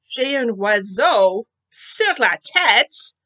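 A woman shouting as a panicky elephant. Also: fairly high pitch, sing-song, very slow, lo-fi sound, full character voice. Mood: alarmed. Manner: panicky cries. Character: anxious shouting elephant, male, big.

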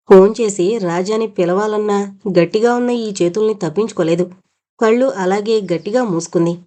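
A woman narrating an audio novel in a measured storytelling manner. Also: mid-range voice, mellow.

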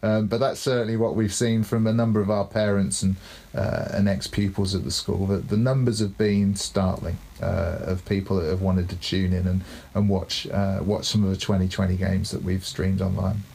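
Cricket coach on a podcast, male, lowish gravelly voice, explains with care. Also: little pitch movement, moderate pace, dark tone, a little hiss or hum. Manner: thoughtful, explaining, tag questions. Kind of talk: casual podcast chat.

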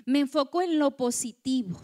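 A woman's voice: high-pitched, normal speed. A woman giving a motivational talk to women, often asking the audience for agreement. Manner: warm lecturing, acts out quoted voices, asks audience. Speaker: conference speaker.

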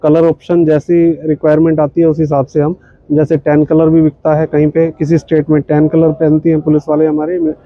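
Higher-voiced man pitching shoes at an expo. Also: completely flat delivery, a little fast, dry recording, muffled recording. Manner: explains patiently with many fillers and "ji, sir". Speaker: footwear company representative. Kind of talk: product walkthrough at a trade expo stall. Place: indoor exhibition hall stall.

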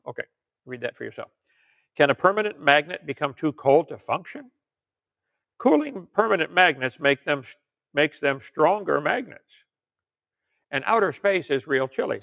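Reading articles and viewer questions aloud, an older man teaches in an informal sermon, peppering it with folksy jokes; he's a preacher who also lectures on creationism. His voice is medium-pitched and a bit bright, with vocal fry.

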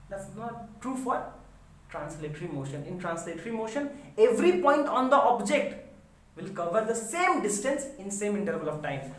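A woman physics teacher explains a lesson step by step and often asks the class whether it is clear. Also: a little high, darkish tone. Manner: explains step by step, checks understanding with questions. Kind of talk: recorded online lecture. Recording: echoey room, voice from a distance.

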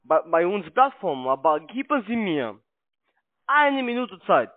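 A call centre sales agent whose first language isn't German makes a pushy, unscripted sales pitch down a tinny, narrowband telephone line. His high, sing-song voice is halting and insistent, and his grammar is broken.

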